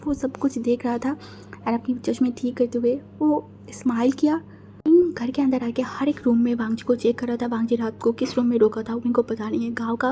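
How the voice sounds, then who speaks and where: Mellow-voiced woman narrating fan fiction. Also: on the high side, slight background noise. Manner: chatty, mixes English words. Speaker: storyteller.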